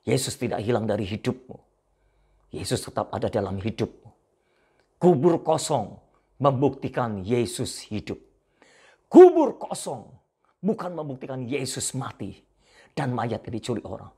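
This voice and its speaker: Male pastor preaching with big swings from loud to hushed, repetitive, animated pitch, middle register. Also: moderate pace, slightly rough. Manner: addresses listeners directly as brothers and sisters. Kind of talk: sermon.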